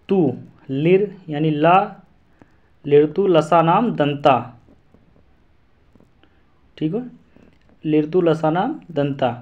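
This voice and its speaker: A man's voice: on the high side, a little mellow, dull audio. A man teaching an exam-prep lesson, repeating syllables and memory rhymes aloud to drill them in.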